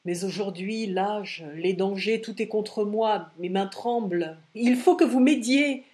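Woman doing a furious old man, domineering, scornful, loud and sharp, storybook reading. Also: medium pitch, takes it slowly, lightly acted. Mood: pleading. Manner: loud, shouting, sarcastic.

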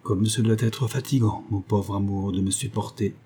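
A man's voice: lowish voice, steady tone, moderate pace, vocal fry, dark tone, a little hiss or hum. A man voicing Brugh, a vain, sarcastic man who taunts his lover. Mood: mocking.

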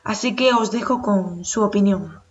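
A woman's voice: medium pitch, moderate pace, recorded from a distance, lo-fi sound. A woman, a student radio reporter and host, reading scripted links and signing off in a friendly way.

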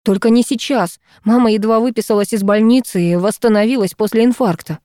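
A woman's voice: a little high, a little fast, mellow, no room sound, studio quality, pitched above the performer's own voice, close to an everyday voice. A woman reading the lines of a young male footballer who coaxes and pleads with his ex-fiancée, in a story read aloud. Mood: pleading. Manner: coaxing, pleading.

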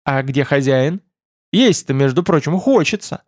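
A man's voice: medium pitch, lively intonation, measured pace, no echo, clean studio sound, natural voice. A man voicing a cheeky, hungry young man with a sarcastic way of talking. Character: cheeky, hungry young man, prickly about his past.

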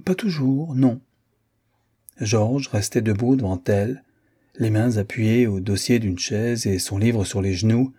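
Homme à la voix sombre et voilée. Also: male voice, fairly even intonation, unhurried, mellow, husky. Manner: acts out each character with raised pitch. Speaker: audiobook reader. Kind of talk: scripted narration.

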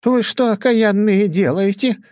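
A man voicing a flustered older woman, the lady of the house, with shrill, drawn-out exclamations. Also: animated, darkish tone, no echo, clean studio sound. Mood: scandalized.

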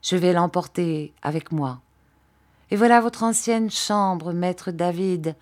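A quiet, gentle old fisherman, as a woman reader voices him. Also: lowish voice, takes it slowly. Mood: subdued. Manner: quiet, subdued. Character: old fisherman, gruff but gentle man.

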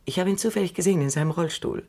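In a radio drama, an actress voices Doctor Calvin, a shrewd, dry, assured elderly woman who works as a robot psychologist. Her fairly low, slightly mellow voice is lightly acted, measured and knowing, with a wry mood.

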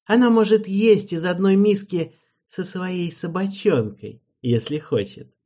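A sneering tyrant king, voice raised high above the narrator's and thrown out loud and slow, every phrase a taunt, as a male audiobook reader puts him on. The tone stays husky under the bluster. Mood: cruel. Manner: booming, slow, jeering. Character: cruel loud-mouthed male king, mocking and domineering.

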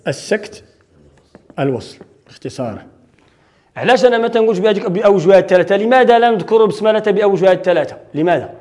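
A man's voice: high-pitched, expressive, rapid-fire, darkish tone. A man with a Moroccan accent teaching Quran recitation rules in a classroom lecture, explaining step by step and answering his own questions.

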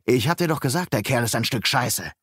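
A man's voice: mid-range voice, animated, brisk, fairly bright tone, slightly rough, dry recording, clean studio sound. A man voicing a brash, mocking male police detective in an audiobook, with a scornful, needling manner. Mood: contemptuous.

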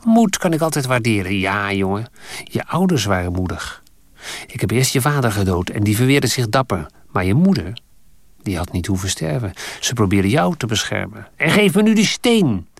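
A man's voice: mid-range voice, big pitch swings, moderate pace, gravelly, dry recording. A man voicing an evil, pale, snake-faced spirit who whispers and hisses with cold menace in a storybook reading. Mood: cold, demanding.

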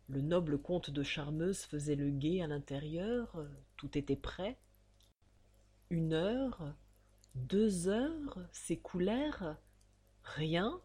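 A woman narrating an audiobook in a measured, expressive way. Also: on the low side.

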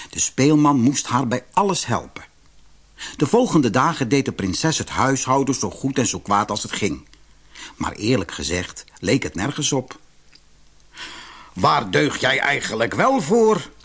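A man from the Netherlands narrating a fairy-tale audiobook with expressive storytelling. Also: mid-range voice, slightly rough.

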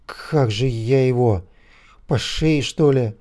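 A man's voice: mid-range voice, slow, dark tone, close to an everyday voice. A man voicing a frightened, whiny young bandit who pleads and hesitates, in a storybook reading. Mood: pleading.

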